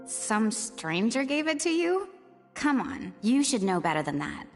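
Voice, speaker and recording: A young American woman voicing a bossy, impatient, sharp-tongued student in a video game. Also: a little high, very animated, measured pace. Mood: annoyed. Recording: long hall reverb. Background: music.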